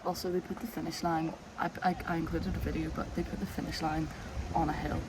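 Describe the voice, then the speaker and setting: A woman's voice: low-pitched, level tone, fast talker, noisy background. A woman chatting casually to camera as a vlogger.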